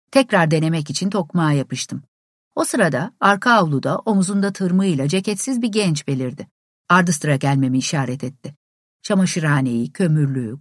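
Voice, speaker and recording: A woman narrating an abridged classic novel as a calm, steady audiobook reader. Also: on the low side, no echo, clean studio sound.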